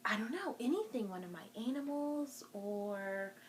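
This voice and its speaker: At a normal pace and in a slightly high, expressive voice, a children's librarian leads a virtual storytime. She encourages young children in a sing-song manner while showing and explaining things for a craft and show-and-tell video, and there's slight background noise.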